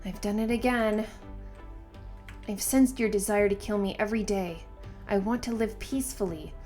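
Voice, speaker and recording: A woman voicing a deceitful demon girl from a manga who feigns innocence, soft and plaintive. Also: mid-range voice, normal speed, faint music behind, close to an everyday voice.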